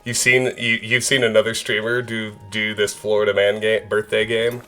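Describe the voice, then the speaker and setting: A man in his thirties chats through a live game stream in a relaxed, joking way, often trailing off mid-thought. His voice sits on the low side. Soft music plays behind him. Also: normal speed. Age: 30s. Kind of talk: casual live-stream chat.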